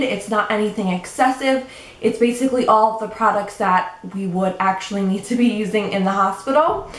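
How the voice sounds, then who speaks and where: A young woman vlogging at home, chatty and a little out of breath as she explains things step by step. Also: a little high. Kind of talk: casual show-and-tell vlog. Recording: echoey room with faint background noise.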